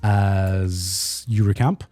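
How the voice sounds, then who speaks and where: A man chatting casually as he tells an anecdote, informal and quick to swear. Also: deep voice, steady tone, dark tone, no room sound, soft background music. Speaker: show host who cast an anime. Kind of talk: casual chat, telling an anecdote.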